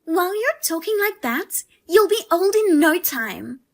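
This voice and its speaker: A pushy sister-in-law with a high, piercing voice, as a woman puts her on. She talks in a sharp, demanding and insulting way. This is a narrated storybook drama. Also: lively intonation, measured pace, heavily acted. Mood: scornful.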